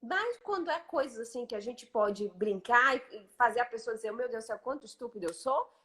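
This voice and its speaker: A woman's voice: fairly high pitch, lively intonation, brisk, fairly bright tone. A Brazilian woman hosting a casual live chat, talking emphatically and eagerly repeating her agreement. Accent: Brazilian Portuguese. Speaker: host.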